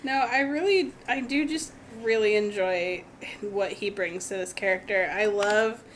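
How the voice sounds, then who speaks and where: A woman's voice: medium pitch, unhurried, slight background noise. A woman co-hosting a podcast in casual chat, blunt and profane with sarcastic asides. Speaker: podcast co-host.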